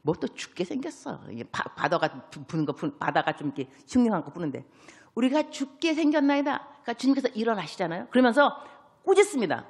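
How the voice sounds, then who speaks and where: A woman missionary preaching an evangelistic sermon, telling Bible stories in a lively way, acting out the dialogue and dropping English words into her talk. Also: on the low side, fast talker, husky. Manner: sprinkles English words into speech. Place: large church sanctuary. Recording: long reverb of a church hall.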